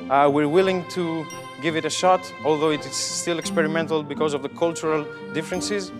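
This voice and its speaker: A man speaking as a company representative, formal and measured, in a documentary interview. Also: fairly high pitch, fairly even intonation, music in the background.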